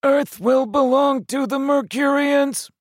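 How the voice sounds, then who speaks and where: A man voicing a menacing alien that speaks from a metal egg, in a croaking voice with a metallic filter, proclaiming threats slowly. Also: very high voice, fairly even intonation, no room sound, clean studio sound, pitched above the performer's own voice. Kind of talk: audiobook character voice.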